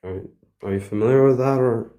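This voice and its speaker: A man's voice: mid-range voice, a little fast, mellow, dull audio. A young Bosnian man, a non-native speaker, chatting casually as a livestream guest, hesitant and full of fillers and restarts. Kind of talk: casual chat.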